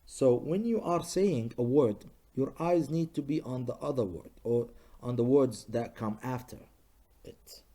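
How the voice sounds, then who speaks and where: Patient male English teacher, lively intonation. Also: medium pitch, husky. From Libya. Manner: slow, patient, models sentences by repeating them. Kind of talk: recorded classroom lesson for students.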